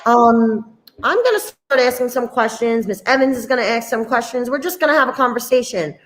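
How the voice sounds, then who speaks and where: A woman's voice: on the high side, animated, a little fast. A woman hosting a school open house, chatting playfully and enthusiastically with viewers and a young student. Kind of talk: upbeat casual chat.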